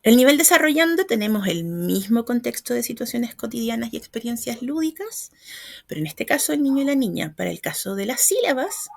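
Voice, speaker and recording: A woman explains a lesson step by step, her voice a little gravelly with fry. She keeps checking in with her listeners through short tag questions. The sound is dry and close, with no room echo. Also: a little high, big pitch swings, brisk. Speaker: educational trainer. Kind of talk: explanatory lecture.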